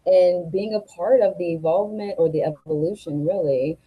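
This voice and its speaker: A woman co-hosting a casual livestream chat as a board member, lively and affirming, reading out viewer comments. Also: lowish voice, normal speed, breathy edge, highs cut off.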